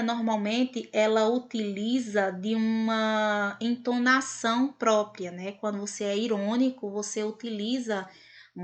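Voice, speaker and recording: Brief: woman teacher, mid-pitched, patient explainer who checks in with "né?". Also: bright, forceful tone. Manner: explanatory, frequent "né?" tag questions. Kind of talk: recorded grammar lesson.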